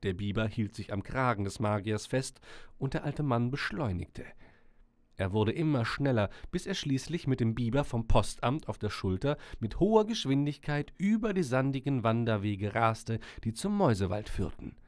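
A man narrating a storybook with gentle, expressive storytelling. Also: mid-range voice, normal speed, no room sound.

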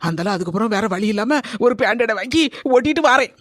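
A woman's voice: on the high side, expressive, fast talker, no echo, clean studio sound. A woman with a Kanyakumari Tamil accent, complaining and pleading in a cartoon comedy.

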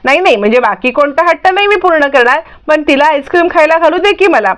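Woman doing an older dad, sly teasing tone, high voice. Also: animated, fast, a bit bright.

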